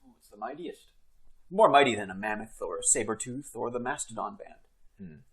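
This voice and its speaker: A man's voice: fairly low pitch, moderate pace, a crowd in the background, pitched below the performer's own voice, natural voice. A man role-playing a haughty, suspicious wizard who hunts trophies, speaking in a grand, condescending way at a tabletop game. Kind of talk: tabletop role-play acting.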